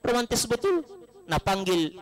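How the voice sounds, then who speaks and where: High-voiced joking preacher. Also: male voice, big pitch swings, unhurried. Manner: storytelling with jokes and voiced quotes, leaps up for emphasis. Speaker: Islamic preacher. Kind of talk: humorous sermon at a condolence gathering. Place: live gathering in a home, broadcast on radio.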